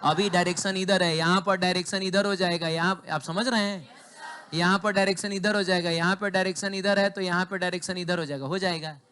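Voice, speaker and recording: A man with a fairly high voice lectures a physics class. His throat is sore. He keeps quizzing the students, answers his own questions and teases them as he goes. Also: fairly even intonation, brisk, fairly bright tone, clear, resonant tone. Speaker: physics teacher.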